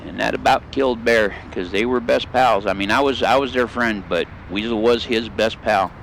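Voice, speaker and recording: Brief: middle-aged male host, folksy rambling storyteller, lowish voice, loud engine hum behind. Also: moderate pace, gravelly. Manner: folksy, rambling drawl with country grammar. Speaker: gaming channel host. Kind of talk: storytelling while playing a driving game.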